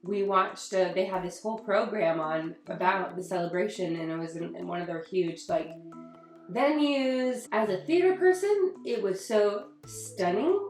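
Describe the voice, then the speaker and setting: A woman's voice: medium pitch, expressive, normal speed. A woman hosting a casual chat in an upbeat, playful manner. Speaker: host. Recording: roomy sound from a distant mic with faint music.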